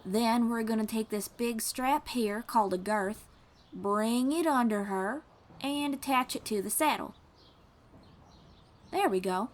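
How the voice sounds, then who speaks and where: This woman's voice sits on the high side, unhurried and full of pauses, as she lightly acts the part of a gentle young bard in an audio roleplay. Patient and kind, she instructs the listener with folksy encouragement.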